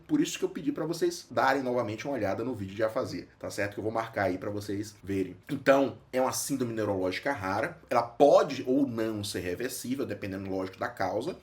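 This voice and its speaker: A Brazilian man explains a medical topic with a lively voice that rises and falls widely in pitch. He sounds like a neurologist giving an educational talk. He keeps asking questions and then answers them himself. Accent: Brazilian Portuguese. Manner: didactic, asks and answers his own questions.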